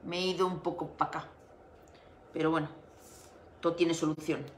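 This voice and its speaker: A middle-aged Spanish woman with a low, level voice hosts a casual craft livestream from a room at home with a window, speaking at a moderate pace. She chats, laughs and greets viewers by name. Her device camera on the desk picks her up in an echoey room with slight background noise.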